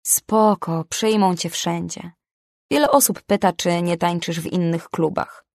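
A woman's voice: on the low side, steady tone, a little slow, a little mellow, no echo, studio quality. A woman voicing a friendly young female dancer who reassures her coworker. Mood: consoling.

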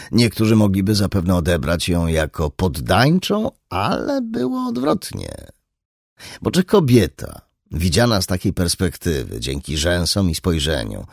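A man narrating an audiobook in an expressive, dramatic reading style. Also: low-pitched, gravelly, no room sound, clean studio sound. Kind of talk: scripted narration.

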